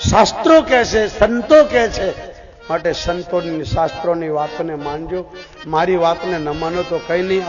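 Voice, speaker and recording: A man's voice: high-pitched, fairly bright tone. A man preaching a devotional sermon at a temple gathering, telling stories and calling out fervently to his listeners. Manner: fervent, pleading, calls out to the audience. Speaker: preacher leading a scripture recitation. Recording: dull lo-fi sermon recording.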